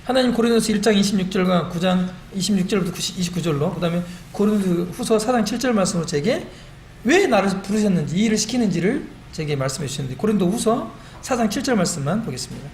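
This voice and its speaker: A middle-aged man giving a church testimony, animated and self-deprecating, recorded in a church meeting hall. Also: high-pitched, fast talker. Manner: animated and self-deprecating, quotes his own prayers. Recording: echoey hall with faint room noise.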